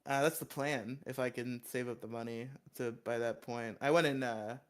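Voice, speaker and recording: A man's voice: mid-range voice, moderate pace, clear, resonant tone. Laughing, profane young-sounding man. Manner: laughs often, jokey and profane, voice jumps up when excited. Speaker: podcast co-host. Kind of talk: casual podcast chat.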